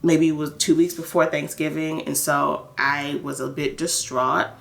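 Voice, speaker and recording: Speaking with a low, slightly bright voice touched by vocal fry, a thirty-year-old American vlogger shares a candid personal catch-up. Her intonation stays fairly even and her pace a little slow, while her phrasing is emphatic and conversational.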